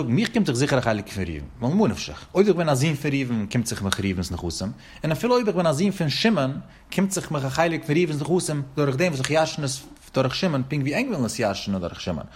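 A man's voice: medium pitch, sing-song, fast, few pauses, slight background noise. A man teaching a legal text in a sing-song lecturing cadence that rises and falls as he works through each case. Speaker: Talmud teacher.

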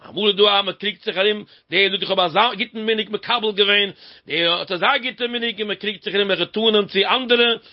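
A man with a high voice delivers a religious storytelling lecture, circling back to repeat key words and phrases. The recording is dull and lo-fi. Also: fairly quick.

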